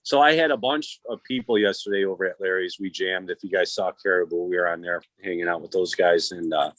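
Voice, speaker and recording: Low-pitched man in slangy chat. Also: a little fast, a bit bright, no room sound, rough recording. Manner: laid-back slangy talk with frequent swearing. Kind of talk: casual chat.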